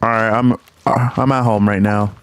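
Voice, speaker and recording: A man's voice: fairly low pitch, fairly even intonation, moderate pace, a little hiss or hum. A man in casual gaming voice chat, giving short replies and narrating what he does in the game. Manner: laid-back, short acknowledgements and running commentary on his moves. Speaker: gamer playing co-op.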